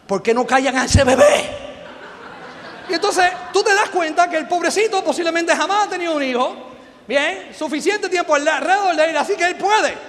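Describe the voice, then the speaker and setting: A middle-aged man with a Puerto Rican accent gives an animated, joking motivational business talk and keeps firing questions at the audience. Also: very high-pitched, moderate pace. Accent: Puerto Rican Spanish. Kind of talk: live motivational seminar talk. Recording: long hall reverb.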